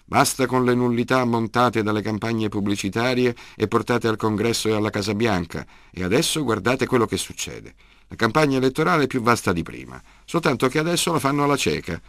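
A man voicing a stubborn, loud older grandfather in an audiobook reading, with a gravelly voice. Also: medium pitch, animated, a little fast, no echo, studio quality, pitched above the performer's own voice. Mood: indignant.

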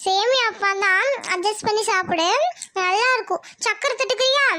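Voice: very high voice, moderate pace, pushed and bright. A performer voicing a cheerful young friend comforting her friend in a cartoon. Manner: comforting, upbeat. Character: caring young girlfriend, cheerful.

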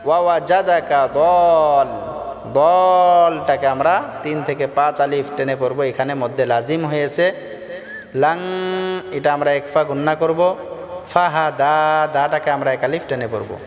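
A fairly high-voiced man with a Bengali accent leads a Quran recitation lesson. He draws each verse out in a slow, singing chant, then rattles off short pointers on pronunciation. His voice rings with a long hall reverb over faint music. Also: fairly even intonation. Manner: alternates slow melodic chanted recitation with quick spoken explanations.

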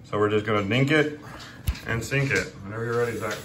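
A man's voice: on the low side, fast, background noise. A man co-hosting a casual pepper-eating vlog, drawling and suffering from a very hot pepper. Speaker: co-host of a pepper eating channel. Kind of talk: casual chat.

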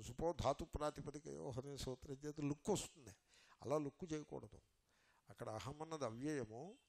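Man, gravelly, scripture lecture, step-by-step explaining, rhetorical questions, slow verse recitation. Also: medium pitch. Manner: recites Sanskrit verses slowly. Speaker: Vedanta teacher.

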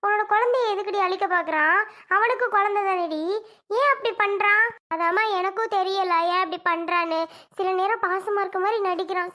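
A performer playing every part of a home family drama, one after another, in a scolding, quick back-and-forth way. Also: very high voice, pushed and bright. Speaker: performer voicing every role in a family sketch.

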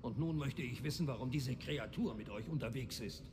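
An actor voicing a haughty, indignant ghost lord and obsessed scholar, formal and commanding, in a video game. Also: male voice, medium pitch, normal speed, a little mellow, a little hiss or hum, close to an everyday voice. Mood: haughty, stern.

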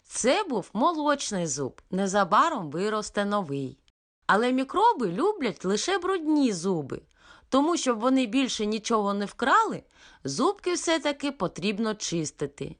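A woman voicing a gentle, patient mother tigress in a children's storybook. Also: on the high side, very animated, moderate pace. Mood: tender. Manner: tender, patient.

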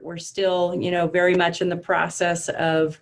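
A woman's voice: fairly low pitch, completely flat delivery, measured pace, vocal fry. A middle-aged woman school superintendent speaking thoughtfully on a video call from her office, with some hesitation. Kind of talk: remote interview. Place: office with bookshelves.

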